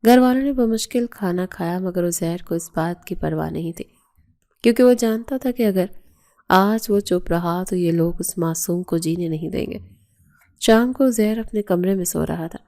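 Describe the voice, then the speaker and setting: A woman narrator reading a romantic novel as a bedtime story in a steady storytelling manner. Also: medium pitch.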